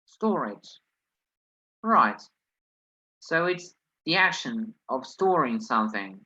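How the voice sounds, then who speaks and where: Bright-voiced man teaching, thinking aloud. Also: medium pitch, expressive, takes it slowly, muffled recording. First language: not English. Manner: hesitant, thinks aloud, many "well"s. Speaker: English teacher. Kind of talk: online lesson, working through exercises aloud.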